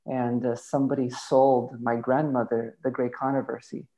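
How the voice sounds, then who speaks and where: A man in his thirties, a podcast guest, telling his life and faith story in a thoughtful, hesitant way with many pauses and fillers. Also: medium pitch, flat delivery, warm tone, poor audio. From United States. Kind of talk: casual testimony interview.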